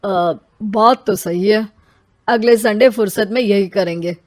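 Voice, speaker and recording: A woman voicing a soft-spoken wistful son. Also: mid-range voice, measured pace, close to an everyday voice. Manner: soft, reflective. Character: wistful grown son remembering his father.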